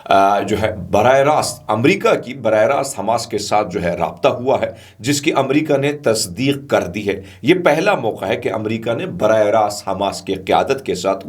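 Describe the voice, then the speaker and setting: A man from Pakistan giving conversational news commentary, chatty and digressive, full of asides and fillers. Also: mid-range voice.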